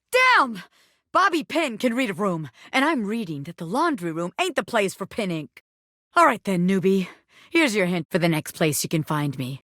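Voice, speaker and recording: A woman's voice: high voice, pushed and bright, no room sound, clean studio sound, exaggerated voice. A woman voicing a brash, flirty bobby pin gangster in a video game, a scheming criminal mastermind with cocky, street-tough wiseguy talk. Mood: indignant, exasperated. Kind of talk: animated video game character acting.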